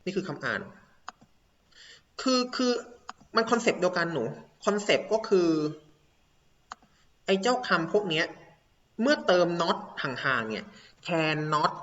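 A male teacher giving an online English grammar lesson, explaining step by step and repeating words slowly. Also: a little high, very animated, a bit bright. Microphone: video call. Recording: dull lo-fi online class audio.

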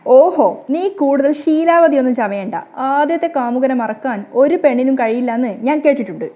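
A woman voicing a proud young husband who is quick to anger and speaks in stern, curt lines, in a storybook retelling. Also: high-pitched, dark tone, lightly acted.

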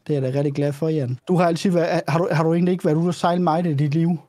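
A man's voice: on the high side, fairly even intonation, warm tone, no echo. A young man co-hosting a let's play, mock-dramatic and whiny, with yelps when he gets scared. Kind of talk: casual gaming banter.

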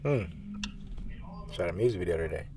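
A man's voice: low voice, animated, normal speed, crowd noise. A young man vlogging on a handheld phone camera, with laid-back, slangy banter. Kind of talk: casual vlog chat. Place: out and about in a city, then a casino.

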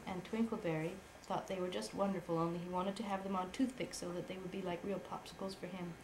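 A mother with a cold, gently making up a bedtime story for her child at home. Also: on the low side, level tone, fast talker. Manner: gentle, laughing between phrases. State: has a cold. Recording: echoey room, faint noise.

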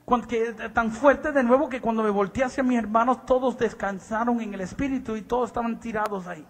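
High-voiced impassioned male preacher. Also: fairly quick. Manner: impassioned, swings from hushed to shouting; repeats "bendito sea Dios". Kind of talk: sermon testimony.

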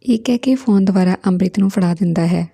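A woman narrating a serialized novel as a storybook reading, in a calm, steady manner. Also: medium pitch, quick pace, creaky, breathy edge.

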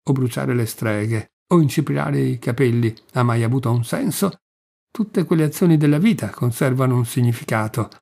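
Ulrich, a man reading a calm, wry debater. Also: medium pitch, creaky. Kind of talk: audiobook reading.

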